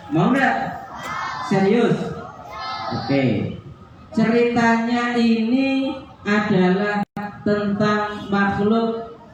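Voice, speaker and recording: A man's voice: high voice, echoey room, lo-fi sound, noisy background. A man, a religious teacher telling schoolchildren a story and quizzing them playfully. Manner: playful, questions the children. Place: school hall at an iftar gathering.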